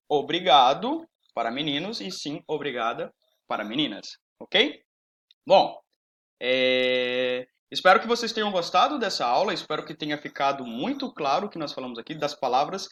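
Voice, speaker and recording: A young man, teaching a recorded Portuguese lesson slowly and patiently, repeating and spelling out words. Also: on the high side. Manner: lively up-and-down intonation. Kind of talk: recorded online language lesson.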